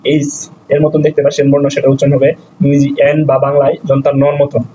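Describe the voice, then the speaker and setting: Man teaching slowly, flat and mellow. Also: a little high, dull audio, a little hiss or hum. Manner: slow, repeats sounds several times. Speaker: language teacher. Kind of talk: step-by-step language lesson.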